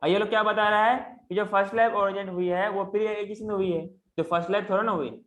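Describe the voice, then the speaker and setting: A male teacher giving a lecture in an online class, keeps checking whether students follow and slows down into halting English phrases. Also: high-pitched, fairly even intonation, a bit bright.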